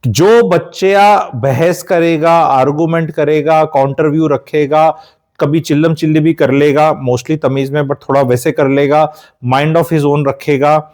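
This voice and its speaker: A man's voice: fairly high pitch, darkish tone. Emphatic Indian man giving life advice. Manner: emphatic, lecturing, mixes English phrases into Hindi. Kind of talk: unscripted advice talk.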